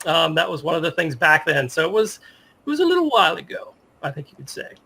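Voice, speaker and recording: A Virginia man in his fifties, a sports media professional, reminisces with enthusiasm while telling stories as a casual interview guest. His voice is on the high side, sing-song and fast, gravelly and husky yet pushed and bright.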